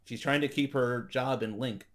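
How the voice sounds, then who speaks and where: A man's voice: medium pitch, fairly even intonation, normal speed. Joking man on a wrestling podcast. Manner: joking, rambling with fillers. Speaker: podcast co-host. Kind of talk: casual chat over a watch-along.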